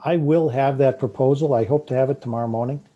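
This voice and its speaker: A man with a Boston accent speaking at a town committee meeting, halting with many fillers and restarts as he presents a park project. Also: medium pitch, muffled recording.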